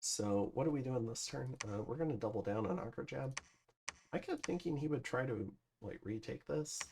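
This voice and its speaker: A man's voice: medium pitch, animated, normal speed, creaky, a little mellow, slight background noise. A man casually commentating over his strategy game turns, thinking aloud with plenty of fillers. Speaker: gameplay commentator. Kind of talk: casual let's-play commentary.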